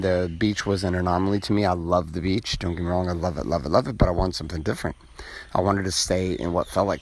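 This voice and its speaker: A deep-voiced man speaks in a husky, held-back way, quiet so as not to disturb a sleeper. He hosts a casual motivational podcast, talking loosely into his phone. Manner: quiet, held back to avoid waking someone asleep. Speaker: podcast host, coach.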